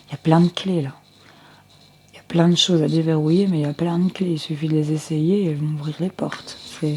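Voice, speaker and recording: A woman's voice: sits low, dark tone, a little hiss or hum. A woman giving a general tarot reading for viewers through a close headset mic, speaking unhurriedly with frequent hesitations and restarts. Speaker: tarot card reader.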